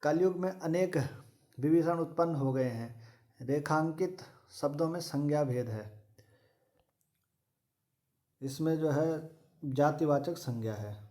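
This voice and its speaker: A fairly high-voiced man works through exam questions one by one. He talks at a steady, methodical pace and repeats the same set phrases for each answer. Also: slow pace, long pauses. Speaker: exam prep teacher. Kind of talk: reading quiz questions and answers.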